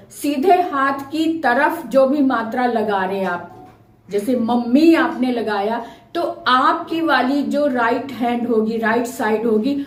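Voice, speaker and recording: A woman teacher with a high voice, explaining a lesson to children with patient repetition. She stretches out sounds slowly to show them, and her voice rings in an echoey room. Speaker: Hindi teacher.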